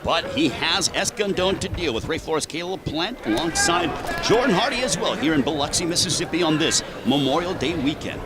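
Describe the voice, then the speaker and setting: A man's voice: a little high, lively intonation, a little fast, hardly any pauses. A man calling a fight as a broadcast play-by-play commentator, with a polished, punchy delivery. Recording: very loud crowd and music behind.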